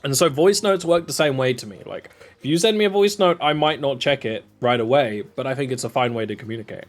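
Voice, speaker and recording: Soft music sits under this young British man's slightly fast, rambling chatter as he streams a game. He's from England, has a southern English accent, and his pitch jumps abruptly now and then during the laid-back gameplay talk.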